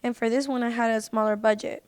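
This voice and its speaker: Talking quickly in a close, dry recording with no room sound, a woman who is an independent singer shares personal stories as a podcast guest. Her fairly high, slightly mellow voice is clear and resonant, with fairly even intonation. She's informal and slangy, repeating phrases to drive her points home.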